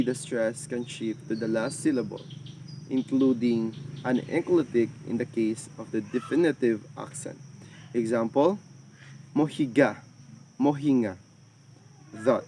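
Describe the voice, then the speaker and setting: A man giving a language lesson, drilling syllables slowly and carefully with halting phrasing. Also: mid-range voice, a little mellow, slight background noise. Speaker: language student presenter.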